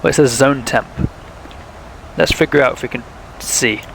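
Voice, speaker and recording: A man's voice: mid-range voice, normal speed, gravelly, fairly bright tone, slight background noise, low-quality recording. A young man, chatting casually while streaming a flight sim, thinking aloud and talking to viewers, with a sore throat. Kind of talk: casual live-stream commentary.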